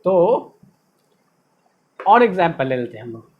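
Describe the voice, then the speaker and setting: A man's voice: fairly high pitch, sing-song, a little slow, narrow, tinny audio. A man teaching a grammar lesson in a patient, repetitive way, asking questions and then answering them himself. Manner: patient, repetitive drilling of rules and examples. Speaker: English tutor. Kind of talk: classroom-style video lesson.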